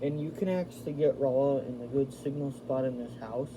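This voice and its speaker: Speaking fairly quickly in a medium-pitched voice over background noise, a man reviews a radio indoors in a house. His hands-on video is casual and chatty, and he talks to his viewers directly, calling them "you guys."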